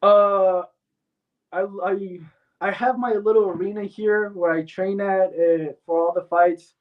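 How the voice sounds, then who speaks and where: A man's voice: high-pitched, steady tone, measured pace. A man born in Mexico, a fighter answering interview questions bluntly and confidently, with frequent fillers. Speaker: MMA fighter guest. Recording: tinny phone-like sound from far off.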